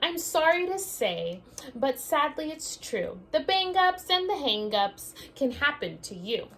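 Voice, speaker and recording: With a sing-song, expressive storybook manner, a female teacher reads a picture book to young children and speaks to them directly. Her voice sits high, and she reads a little slowly.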